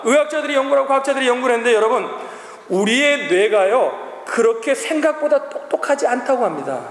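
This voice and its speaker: A man in his forties preaching a sermon to a congregation, emphatic, addressing them often and swinging from loud exclamations to low asides. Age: 40s. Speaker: pastor. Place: large church hall. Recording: echoey hall, long reverb.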